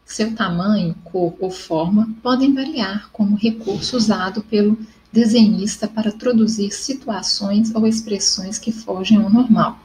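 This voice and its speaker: A woman's voice: medium pitch, dark tone, slight background noise, low-quality recording. A young adult woman with a Brazilian Portuguese accent, teaching an online class and checking in often to confirm the students follow. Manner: explanatory, checks in with "tá?" and "ok?".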